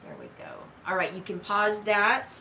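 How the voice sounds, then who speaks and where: A woman's voice: mid-range voice, wildly swooping pitch, moderate pace, sharp tone, slight background noise, poor audio. Chatty woman teaching tarot. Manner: talkative, says "okay" after most sentences. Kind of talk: casual online lesson.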